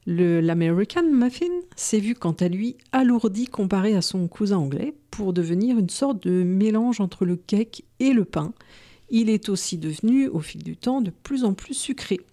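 A woman, a co-host on a cooking show, reading prepared notes aloud in a measured way. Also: mid-range voice, animated, dark tone.

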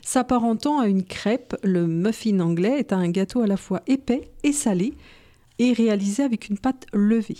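A woman reads prepared notes aloud as a co-host on a cooking show. Her voice is warm and mellow at a middle pitch, and she reads in a steady, measured way.

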